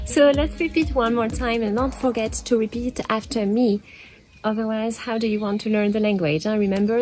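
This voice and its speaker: A young French woman teaching her language in a casual video lesson, playful, laughing often and drilling words slowly for learners to repeat. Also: fairly high pitch, dark tone.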